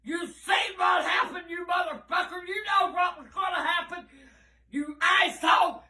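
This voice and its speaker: Angry granny, high piercing voice, swears a ton, real blunt. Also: female voice, steady tone, unhurried, some chatter behind. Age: older, 60s or above. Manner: irate, profane, blunt, often shouting. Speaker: grandmother in prank videos. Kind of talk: casual reactions to pranks. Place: indoors in a home bedroom. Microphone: handheld phone camera a short distance away.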